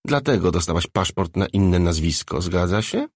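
A man's voice: low-pitched, expressive, normal speed, a little mellow, husky, no room sound, clean studio sound, exaggerated voice. A man voicing a tough, mocking, streetwise woman in a storybook reading, blunt and needling. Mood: brusque.

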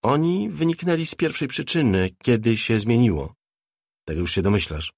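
A man's voice: mid-range voice, expressive, normal speed, darkish tone, no room sound, clean studio sound, pitched above the performer's own voice. A man voicing a strange, insistent male obsessive in an audiobook, earnest and cryptic. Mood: intense earnest.

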